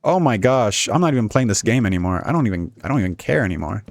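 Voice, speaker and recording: A man's voice: fairly low pitch, expressive, fast, vocal fry, no room sound. A young man giving casual, jokey, rambling commentary while playing a video game. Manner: rambling, jokey, laughs often. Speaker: gaming YouTuber.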